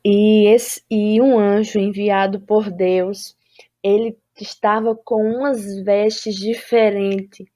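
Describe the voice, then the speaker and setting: A woman recounting a religious vision in a solemn, deliberate way. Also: medium pitch, dark tone, no room sound, clean studio sound. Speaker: person giving a testimony.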